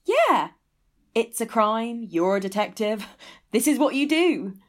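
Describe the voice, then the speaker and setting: A young woman playing an eager trainee detective, earnest and expressive, in a comic audio drama. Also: on the high side, unhurried. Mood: exasperated, insistent. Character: eager, punning young female trainee detective, sensitive and forthright.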